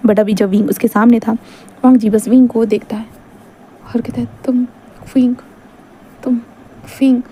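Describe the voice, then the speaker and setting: High-voiced chatty woman telling a story. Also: steady tone, moderate pace, pauses often, warm tone, a little hiss or hum. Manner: chatty, filler-laden narration mixing in English words. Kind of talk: casual fan fiction storytelling.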